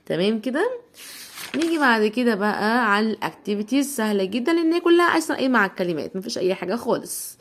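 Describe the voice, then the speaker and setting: A woman with an Egyptian Arabic accent teaching English phonics to young children, sounding words out slowly syllable by syllable. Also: fairly high pitch, expressive. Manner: drawn-out syllable-by-syllable sounding out, rising loud on the sounds.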